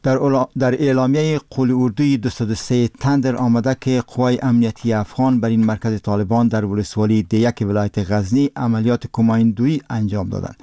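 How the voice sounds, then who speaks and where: A man with an Afghan accent reads the radio news from a script. His delivery is solemn and formal, in a dark, relaxed mid-range voice. The sound is very dry, with no room echo. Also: medium pitch. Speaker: radio newsreader.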